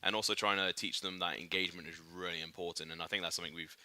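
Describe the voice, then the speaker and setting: A man's voice: low voice, steady tone, very fast, sharp tone, no echo. A man hosting a casual esports podcast in a studio, chatty and upbeat, with plenty of "uh"s and restarts. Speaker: podcast host.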